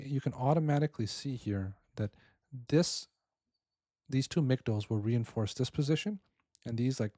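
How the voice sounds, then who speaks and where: A man's voice: mid-range voice, dark tone, no echo, clean studio sound. A man giving casual strategy commentary as he reviews a viewer's game. He is tired, his voice is wearing out, and he keeps checking in with "right?" as he explains.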